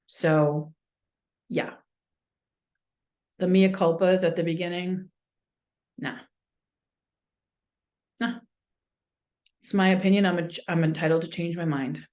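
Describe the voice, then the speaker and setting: A woman's voice: fairly low pitch, steady tone, slow pace, long pauses, darkish tone. A woman in her fifties gives casual, blunt, opinionated commentary as she reacts to a video.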